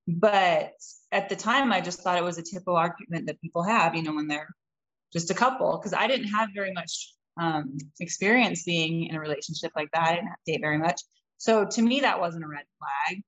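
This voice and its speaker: A woman's voice: fairly low pitch, a bit bright. Candid woman from Utah on a dull line. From Utah, United States. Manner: candid, reflective, with frequent ums. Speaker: interview guest. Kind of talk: personal storytelling in an interview.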